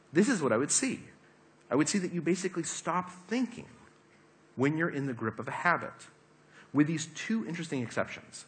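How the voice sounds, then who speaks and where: A man giving a lively talk to a live audience, asking them questions as he explains his points. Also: mid-range voice. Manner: animated, asks the audience questions. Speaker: speaker giving a talk on habits.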